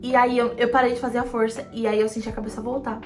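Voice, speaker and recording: Young Brazilian woman, vlog storyteller; chatty, loops on "e aí", higher pitch, faint music bed. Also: level tone, fast talker. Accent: Brazilian Portuguese. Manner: chatty, repetitive "e aí" storytelling, acts out quoted lines. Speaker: vlogger telling her birth story. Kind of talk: casual storytelling to camera.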